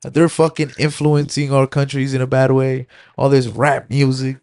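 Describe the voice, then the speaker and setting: A young man co-hosting a casual podcast, throwing in quick profane jokes and quips. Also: medium pitch, little pitch movement, a little mellow. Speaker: podcast co-host.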